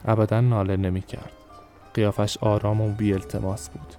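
A man narrating a short story in a measured, descriptive way. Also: on the low side, little pitch movement, dark tone, soft background music.

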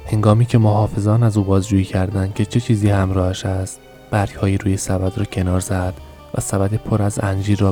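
A man narrating a novel for a podcast, reading in a steady, measured storytelling manner. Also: lowish voice. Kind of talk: scripted audiobook narration.

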